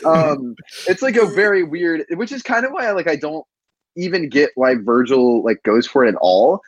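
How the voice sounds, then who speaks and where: A man co-hosting a casual movie podcast over a call, rambling, animated and laughing often. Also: on the high side, moderate pace. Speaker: podcast co-host. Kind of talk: casual chat.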